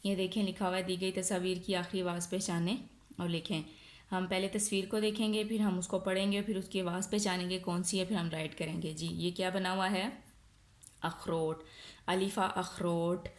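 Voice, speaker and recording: Speaking in a lowish voice with a flat delivery, a Pakistani-accented woman who teaches nursery leads a recorded online lesson. She asks questions, then answers them herself, drawing her words out slowly, and the room sounds echoey.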